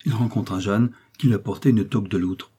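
A man narrates a classic novel as an audiobook in a low, husky voice. His delivery is measured and even. The tone is dark and mellow. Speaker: audiobook reader.

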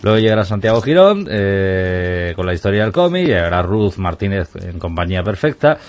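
A man's voice: low-pitched, big pitch swings, moderate pace. A man with a Spanish accent from Spain hosting a radio show in a casual, chatty style.

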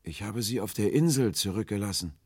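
A man doing a halting, sorrowful old castaway. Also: on the low side, lively intonation, a little mellow, slightly rough, no echo, studio quality, pitched above the performer's own voice. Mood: mournful. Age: older. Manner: hesitant, halting, sorrowful and hopeless. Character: frightened, starving old man adrift at night. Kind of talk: audiobook character voice.

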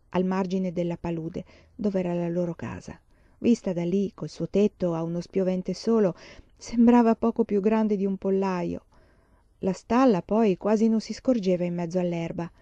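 Mellow-voiced woman reading a novel aloud. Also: mid-range voice, dry recording, muffled recording. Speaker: audiobook reader. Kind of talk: scripted narration.

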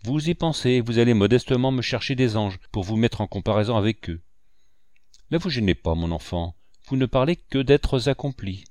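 A man reading the part of a gruff, teasing old uncle who is a painter, in a dry, mocking tone. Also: mid-range voice, expressive, moderate pace, a little mellow, no echo, natural voice. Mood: bourru. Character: vieil oncle peintre, bourru et taquin.

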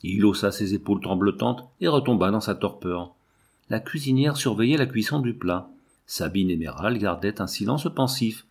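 A man reading a novel aloud as an audiobook, with measured, literary narration. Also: on the low side, expressive, vocal fry, breathy edge.

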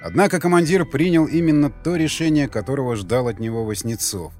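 A man narrating an audiobook in steady storytelling and acting out the characters. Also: mid-range voice, brisk, faint music behind. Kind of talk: scripted narration.

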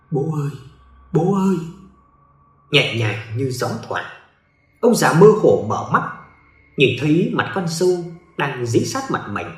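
A man's voice: medium pitch, a bit bright, roomy sound. A man giving dramatic scripted narration of a ghost story.

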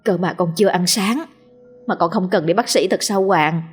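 A caring middle-aged mother frets and gently nags her son, as a woman narrator puts her on. Her voice is husky and plain, over faint background music. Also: on the low side, moderate pace. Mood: worried. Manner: anxious, gentle nagging.

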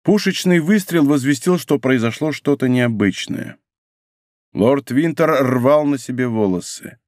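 A man narrating an adventure novel as an audiobook in a dramatic, expressive reading style. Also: mid-range voice, unhurried, dry recording, clean studio sound. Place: recording studio.

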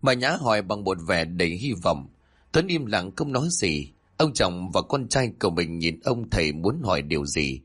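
A man narrating a family drama story, expressive and giving the characters their lines. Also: deep voice, breathy edge. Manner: expressive, voices the family members in dialogue.

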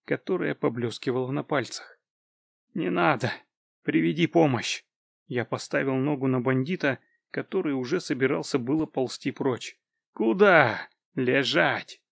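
Man, audiobook narrator, measured, mid pitch, dry studio sound. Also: vocal fry, husky, no room sound. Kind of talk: first-person fantasy audiobook narration.

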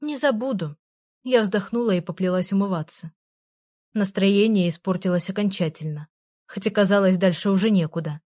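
A woman reading an audiobook aloud, narrating in the first person in a plain, even voice with a wry, sighing tone. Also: mid-range voice, a little fast.

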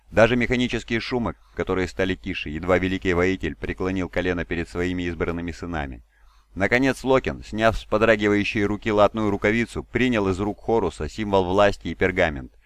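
Low-voiced man reading an audiobook. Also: clean tone, no echo. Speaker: audiobook reader. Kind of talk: audiobook narration. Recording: dry home recording.

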